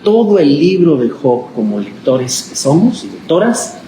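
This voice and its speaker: A man's voice: on the high side, measured pace. A man, a pastor leading a conversational Bible study class, asking the group questions and acting out the voices he quotes. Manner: chatty and animated, acts out quoted voices, asks the class questions. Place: church classroom. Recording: echoey room with background noise.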